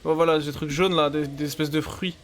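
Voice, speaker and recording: A young man with a fairly high voice streams a survival game and jokes crudely at his own expense. He talks in loose, casual banter with a co-player. Faint keyboard typing sits under his voice. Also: fairly even intonation, brisk, a little hiss or hum. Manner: crude joking, self-mocking.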